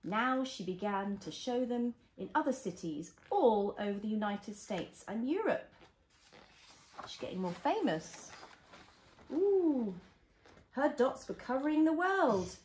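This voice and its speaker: With a fairly high, expressive voice at a moderate pace and hardly any pauses, a mother reads a picture book to her child. She offers simple explanations and small questions along the way. The recording has the roomy echo of a small living room at home.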